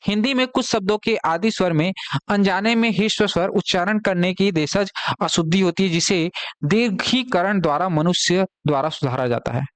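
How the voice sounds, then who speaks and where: Male exam-prep tutor, Chhattisgarh Hindi accent, slightly high voice, patient and repetitive, quizzes students; dry, close recording. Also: moderate pace, fairly bright tone, no echo. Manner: explains patiently, repeats key words, asks students questions. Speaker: teacher. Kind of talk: live online exam-prep class. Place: classroom.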